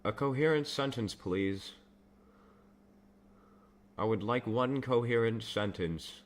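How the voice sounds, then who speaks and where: In a mid-range voice with a slight hiss or hum on the recording, a young man who develops games streams live at a slow pace. He wanders through viewer questions, chuckling at his own asides, and remarks that he's loud.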